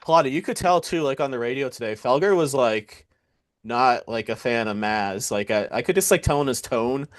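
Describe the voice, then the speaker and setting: Male co-host, average pitch, loose rambling sports chat, lots of likes. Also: lively intonation, moderate pace. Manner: loose, filler-heavy, many likes. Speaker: podcast co-host.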